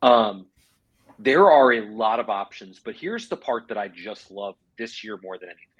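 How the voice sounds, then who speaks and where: A man with a husky, slightly breathy voice chats on a golf podcast. He talks gear with enthusiasm and keeps needling his co-host with jokes. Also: fairly low pitch, lively intonation, dull audio. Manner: teasing, enthusiastic, quick to joke. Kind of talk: casual podcast chat.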